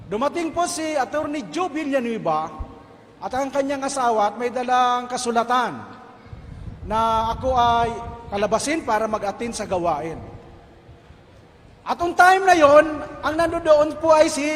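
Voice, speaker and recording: Older man, high voice, testimony in a reverberant hall, faint hiss. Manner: storytelling, acting out dialogue with quick shifts of loudness. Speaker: testimony speaker. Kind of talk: church testimony.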